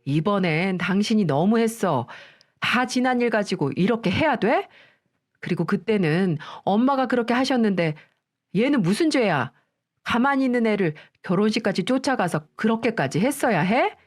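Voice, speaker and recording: A woman's voice: mid-range voice, lively intonation, normal speed, lightly acted. A woman reading the part of a defensive husband who scolds his wife, in a storytelling audio drama. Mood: reproachful.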